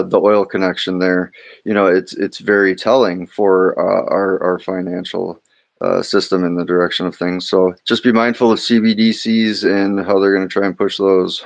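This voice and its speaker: A man's voice: low-pitched, dry recording. A man speaking as a guest in a live audio chat, earnest and rambling with many fillers. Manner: earnest, rambling, lots of uhs. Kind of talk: casual chat.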